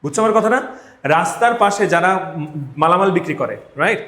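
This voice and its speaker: At a moderate pace, a man with a Bangladeshi accent teaches spoken English in a live classroom session with drills. His high, fairly bright voice carries lively intonation, and he's emphatic, repeating phrases and making sure students follow. The indoor room is echoey.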